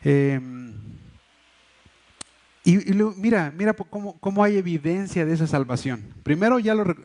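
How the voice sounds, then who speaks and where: A male pastor with a Mexico City accent delivers a live church sermon. His voice sits a little high for a man, and he talks in an earnest, explanatory way, often restarting phrases and pausing on fillers as he works through each point. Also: expressive, a little mellow. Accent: Mexico City Spanish. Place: church hall. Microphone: livestream microphone.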